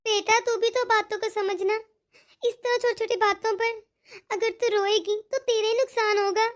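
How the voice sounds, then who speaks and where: Woman doing a fretful soft-spoken mother. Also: extremely high pitch, fairly even intonation, moderate pace. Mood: soothing. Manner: gentle, coaxing, fretful. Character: worried aging mother, soft and pleading. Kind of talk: cartoon dialogue.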